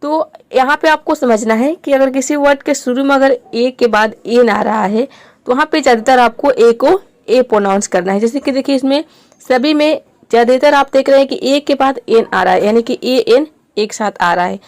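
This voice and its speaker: A woman's voice: high voice, moderate pace, dry recording. A woman giving a video lesson on English pronunciation, explaining each rule patiently and repeating the example words. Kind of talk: classroom-style video lesson.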